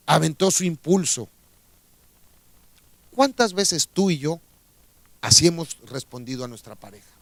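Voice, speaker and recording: A man's voice: fairly high pitch, no echo. A man with a Mexican accent preaching a radio sermon, telling a story and asking rhetorical questions of his listeners.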